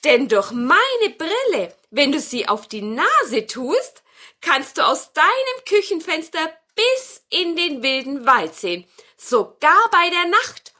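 Tannenmütterchen, a shrill old witch. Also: big pitch swings, slow pace, sharp tone, full character voice. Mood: eager. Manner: squealing, urgent and pleading. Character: shrill good old female forest witch.

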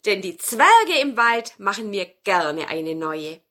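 A woman's voice: medium pitch, big pitch swings, slow, a bit bright. A woman voicing a good old female forest witch from a fairy tale, in a squealing, urgent, pleading manner. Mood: eager.

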